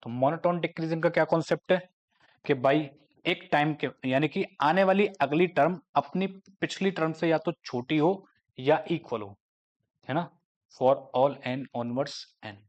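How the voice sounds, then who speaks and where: A man giving a math lecture, explaining step by step and slowing down to dictate definitions. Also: fairly high pitch, muffled recording. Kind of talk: classroom lecture.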